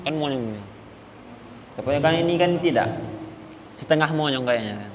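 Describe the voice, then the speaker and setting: A man teaching Quran recitation in a mosque, patiently explaining and chanting verses slowly, repeating syllables to demonstrate. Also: on the high side, animated, a little hiss or hum. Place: mosque hall. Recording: echoey hall, dull lo-fi sound.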